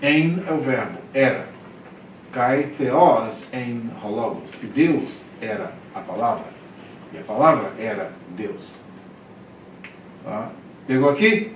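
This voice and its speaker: A man's voice: medium pitch, animated, slow, pauses often, a little hiss or hum. A man teaching a classroom Greek lesson, drilling words one by one and checking in with his students. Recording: echoey room, mic at a distance.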